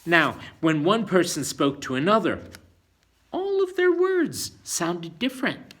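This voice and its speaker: A man with a high voice tells a children's bedtime story in an unhurried, expressive way. Along the way he chats like a teacher and asks his young listeners questions.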